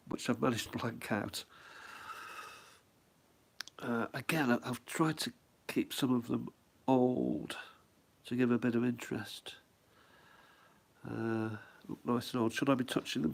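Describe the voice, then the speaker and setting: Here a middle-aged man with a head cold leafs through his stamp album at home, talking casually. His mid-range voice is steady and unhurried, with vocal fry and long pauses, and he drifts along, musing and quizzing himself aloud.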